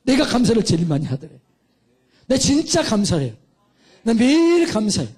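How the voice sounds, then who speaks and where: Husky high-voiced male pastor preaching. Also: huge pitch swings, normal speed, darkish tone. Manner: fervent preaching, calls for amens, acts out dialogue. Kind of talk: sermon. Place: church sanctuary.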